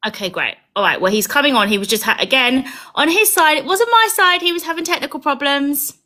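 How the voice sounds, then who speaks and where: A woman with a high, bright, forceful voice. She hosts informally and briskly over a live video call, explaining things straight to the viewers. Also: lively intonation. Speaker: dating show host.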